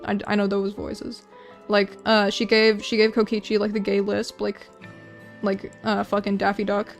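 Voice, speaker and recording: With soft background music, a young art streamer talks to her audience while drawing, speaking at a moderate pace in a mid-range voice with a completely flat delivery. She meanders, restarts constantly, and makes fun of herself.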